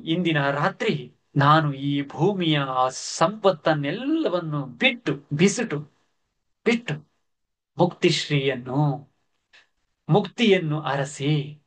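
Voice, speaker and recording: A male literature lecturer with a fairly high voice who walks his students through a verse play. He restates each verse line in plainer, everyday words. The delivery is patient and explanatory. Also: fairly bright tone.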